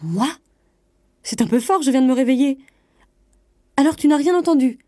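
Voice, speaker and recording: A woman voicing an excitable wife woken in the night, raising her voice in shrill indignation. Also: normal speed, breathy edge, dry recording, studio quality. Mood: anxious. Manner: shrill and outraged, exclaiming.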